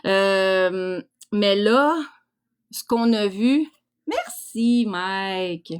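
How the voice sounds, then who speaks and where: Reacting to viewers on a live chat, a middle-aged Québécois woman speaks casually and bluntly, with crude teasing in colloquial French-accented talk. Her voice is mid-range and clean-toned, with lively intonation, but she speaks extremely slowly.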